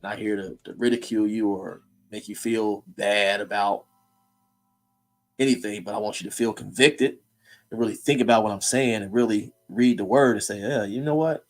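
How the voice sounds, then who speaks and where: A man's voice: on the low side, steady tone, moderate pace. Blunt, preachy man talking heatedly. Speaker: host. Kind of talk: casual streamed talk.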